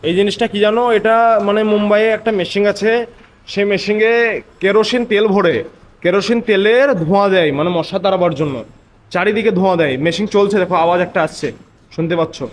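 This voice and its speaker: This man, a vlogger who supervises labour on a construction site, speaks fast in a high register with a Bengali accent, clearly suffering from a cold. His chat to camera is casual and rambling, looping back over the same phrases. He's outdoors among busy streets and a building site, and noise from both bleeds into the recording.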